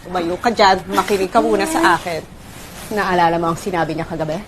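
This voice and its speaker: A woman's voice: lowish voice, fairly quick, over a noisy crowd. A woman in a comic skit, talking in a theatrical, exaggerated way.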